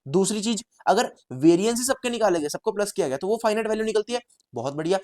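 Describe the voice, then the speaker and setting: A man teaching statistics as a story, lively and repetitive, often calling his viewers brother. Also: high-pitched, fast. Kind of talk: storytelling lecture.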